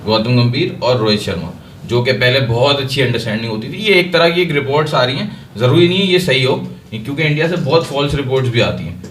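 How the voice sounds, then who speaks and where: A man with a Pakistani Urdu accent hosting a casual cricket chat, explaining his views at length in a measured way. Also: medium pitch, animated, a bit bright. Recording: echoey room with faint room noise.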